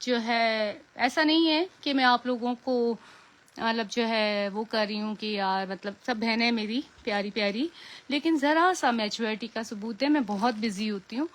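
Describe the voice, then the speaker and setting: A woman's voice: a little high, moderate pace. A woman with a Pakistani Urdu accent, chatting casually on a live stream as a preloved clothing seller, often repeating pious phrases and firm about fixed prices.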